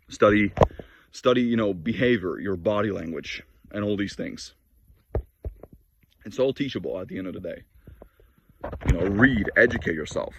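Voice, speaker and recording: Recorded on a camera mic with slight hiss or hum, this fairly low-voiced man, a native speaker of Norwegian and Polish, vlogs about fitness and self-improvement. He lectures bluntly and preachily to the camera, frequently restarting his sentences.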